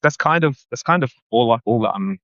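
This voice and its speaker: A man, a guest speaking thoughtfully in a casual interview, often pausing and restarting. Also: medium pitch, lively intonation, fairly bright tone, no room sound. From London, England. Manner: reflective, hesitant with many restarts and ums. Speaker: guest, running writer. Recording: dull, dry lo-fi audio.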